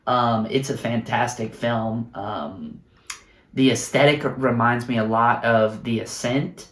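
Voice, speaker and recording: A man's voice: mid-range voice, slow pace, fairly bright tone. A man chatting casually and eagerly recommending films he bought, recorded at home. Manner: enthusiastic, recommends films earnestly. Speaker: guest showing his film haul. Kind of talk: casual film chat. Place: room in a home. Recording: roomy echoey room.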